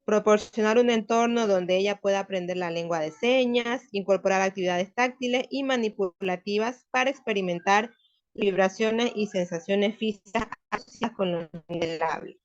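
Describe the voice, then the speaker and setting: A woman's voice: medium pitch, moderate pace, highs cut off. A woman student giving a class presentation, explaining her points step by step.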